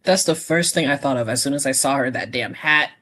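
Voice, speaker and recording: A woman's voice: extremely low pitch, fairly quick, a bit bright. A woman co-hosting a live reaction stream, teasing and emphatic, often talking straight to chat. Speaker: co-host.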